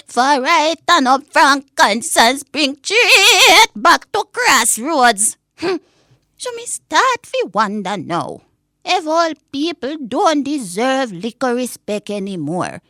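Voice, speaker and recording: A woman playing an indignant elderly Jamaican granny in a comic Patois monologue, grumbling with drawn-out words and exclamations. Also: sits high, sharp tone, dry recording, clean studio sound, full character voice. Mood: nostalgic, aggrieved. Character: indignant elderly Jamaican granny, complaining about modern youth.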